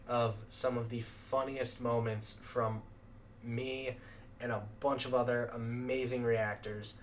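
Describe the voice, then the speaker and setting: A young man hosting a reaction channel who chats casually and rambles with lots of fillers, clearing his throat as his voice starts to go. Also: mid-range voice, a bit bright, slight background noise. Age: young adult. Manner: rambling, filler-heavy chatter.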